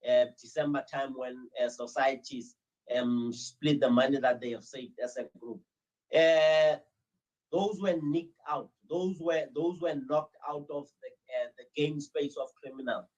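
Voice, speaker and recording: A South African man answering as an interview guest, telling anecdotes with frequent "uh" pauses. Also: mid-range voice, highs cut off. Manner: hesitant, many "uh"s, steady storytelling. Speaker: interview guest, crime-prevention ambassador.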